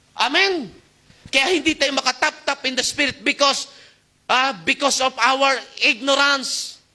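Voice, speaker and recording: High, bright-voiced preaching man. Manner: exhorting, calls for amen, shifting loud and soft. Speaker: youth pastor. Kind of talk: Taglish sermon. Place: church youth service.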